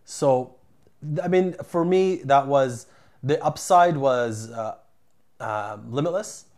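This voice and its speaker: A man in his thirties from Canada, a company founder answering interview questions in a calm, plainspoken way. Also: mid-range voice, slow pace. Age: 30s.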